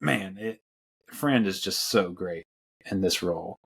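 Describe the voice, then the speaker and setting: Very low-pitched male podcast host, loose rambling film chat. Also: animated, unhurried, vocal fry, fairly bright tone, breathy edge. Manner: rambling, many fillers and restarts. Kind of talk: casual film discussion.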